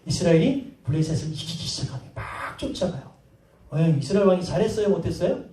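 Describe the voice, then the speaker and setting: A male pastor preaching a sermon, telling a story with lively acted-out dialogue and asking the congregation questions. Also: sits high, quick pace. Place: church sanctuary. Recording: roomy hall sound from a distant mic.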